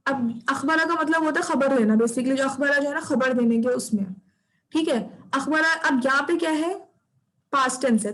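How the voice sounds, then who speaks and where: High-voiced woman teaching Arabic grammar. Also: low-quality recording. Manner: patient, repeats terms and checks understanding.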